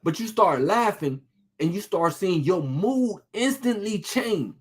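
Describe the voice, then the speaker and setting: A man preaching in a relaxed, street-casual way, pitched high with a voice that swoops up and down. He takes his time, drawing out his scripture readings slowly and firing rhetorical questions at his listeners. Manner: reads scripture slowly and deliberately. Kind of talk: informal sermon with scripture reading.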